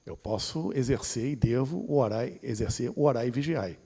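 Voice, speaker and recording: A man's voice: medium pitch, normal speed, dark tone, slight background noise. A man with a Brazilian accent giving a discursive esoteric lecture and often ending points with a tag question. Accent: Brazilian Portuguese.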